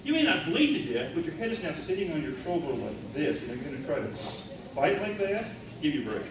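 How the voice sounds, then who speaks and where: A man's voice: fairly high pitch, sing-song, brisk, heavy reverb. A man giving a blunt, matter-of-fact keynote lecture with demonstrations in a large hotel meeting room, recorded by a far camera. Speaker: keynote speaker. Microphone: far camera, no visible mic.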